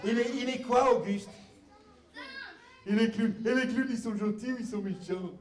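A man's voice: very high voice, normal speed. A man performing as a clown for a children's audience, playful and exaggerated, full of cries and banter with the crowd. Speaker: clown entertainer. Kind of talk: live clown show for children. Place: hall with a live audience. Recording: echoey hall, noisy crowd. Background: children's audience, clapping and chatter.

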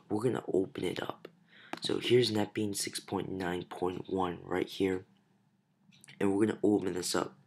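A young man talks through a programming tutorial in a low, gravelly voice that sounds sick and hoarse. He keeps it casual, with plenty of ums and uhs between steps. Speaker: tutorial host. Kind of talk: screen-recorded programming tutorial.

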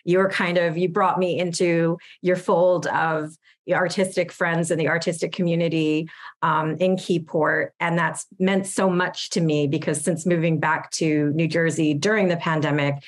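Lower-voiced woman hosting an interview. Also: little pitch movement, normal speed. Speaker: podcast host. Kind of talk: interview and scripted intro.

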